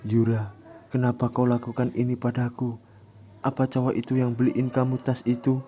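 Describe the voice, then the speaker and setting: A hapless young man from a comic story who gets flustered around women, voiced high and straining, as a man puts him on. His lines pile up in a pleading, panicky rush. The pitch sits well above a man's normal voice. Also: monotone, moderate pace, warm tone, slight background noise, close to an everyday voice. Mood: puzzled.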